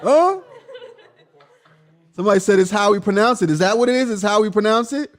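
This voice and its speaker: Man, live-stream host, casual chat, playful questioning, lively pitch swings. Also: fairly quick. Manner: playful, teasing, questioning the audience; laughs often, swings from loud to hushed.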